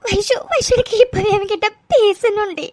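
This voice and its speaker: A woman's voice: very high-pitched, expressive, normal speed, darkish tone, dry recording, studio quality. A woman voicing a tearful, lovesick young woman in a cartoon, crying as she speaks. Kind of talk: cartoon voice acting.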